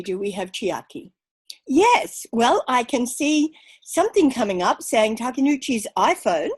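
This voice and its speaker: A woman's voice: sits high, slightly rough, dry recording, low-quality recording. A woman hosting an online club meeting over video call, cheerful as she introduces and coaxes the guests. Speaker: meeting host.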